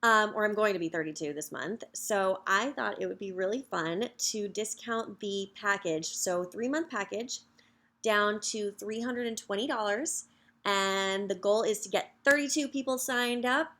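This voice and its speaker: Woman, 30s, mid-pitched, casual and chatty, coach selling a program to camera. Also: normal speed, a bit bright. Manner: upbeat, chatty, many fillers. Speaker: social media coach. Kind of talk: direct-to-camera sales pitch.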